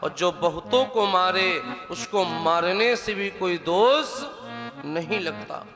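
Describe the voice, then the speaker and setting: A man telling a devotional scripture story as a sermon, slow and explanatory, repeating key points for his listeners. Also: high voice. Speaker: religious storyteller. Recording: echoey hall with music behind.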